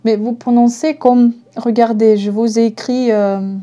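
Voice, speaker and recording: A woman's voice: on the high side, fairly even intonation, a little slow, mellow. A woman with a Russian accent teaching a language lesson, patiently spelling words out letter by letter. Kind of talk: slow online language lesson.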